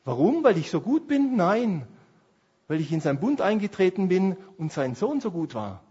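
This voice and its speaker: A man preaching a sermon as pastor, passionate, swinging between hushed and emphatic delivery. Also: sits high, sing-song, normal speed, slightly rough, lo-fi sound.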